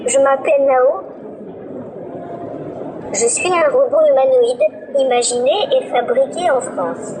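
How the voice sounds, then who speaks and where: A synthesized female voice speaking as a small humanoid demo robot, with an even, politely scripted text-to-speech delivery. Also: sits high, very noisy. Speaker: demonstration robot presenting itself.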